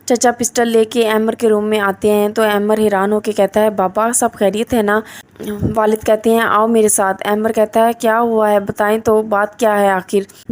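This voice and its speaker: Woman reading out a drama recap, pretty monotone, steady mid voice. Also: mid-range voice. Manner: reads the characters' lines in her own voice. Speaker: drama reviewer. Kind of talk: scripted recap narration.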